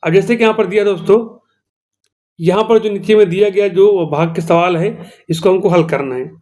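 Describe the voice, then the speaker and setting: A man's voice: high-pitched, moderate pace, darkish tone. A male teacher with a Chhattisgarhi-tinged Hindi accent, explaining a maths lesson step by step and often checking in with his students. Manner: explains step by step, repeats "theek hai doston".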